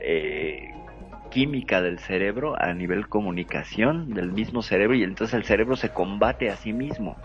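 Host, man, lowish voice, reflective and explanatory, dull lo-fi sound. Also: a bit bright. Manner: explanatory, reflective, frequent fillers. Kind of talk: casual conversation. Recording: slightly dull lo-fi audio.

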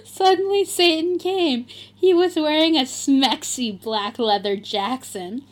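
A woman's voice: high-pitched, steady tone, slow. A woman reading a fan story aloud for comedy, with theatrical emphasis and frequent laughter. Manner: reads aloud theatrically, often breaking into laughter.

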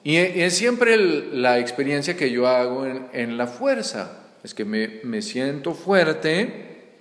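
A man's voice: medium pitch, sing-song, slow, a bit bright. A man preaching a sermon in a conversational way, often asking his listeners if they follow. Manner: conversational, with frequent tag questions. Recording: echoey hall with long reverb.

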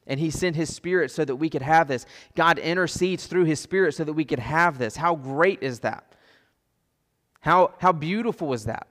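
A man preaching a sermon as pastor, earnest and gentle, his voice sometimes dropping soft for asides. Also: a little high, moderate pace, big-room sound. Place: church sanctuary.

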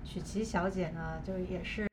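Low-pitched woman co-host with background hiss. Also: steady tone, moderate pace. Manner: summarizing in short bilingual remarks. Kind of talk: casual podcast chat.

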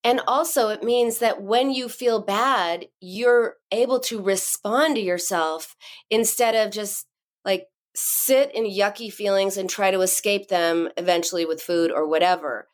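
A middle-aged woman, an author and podcast guest, telling a story about her daughter and acting out its lines in high voices. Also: measured pace. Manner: acts out quotes in high voices. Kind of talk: podcast interview.

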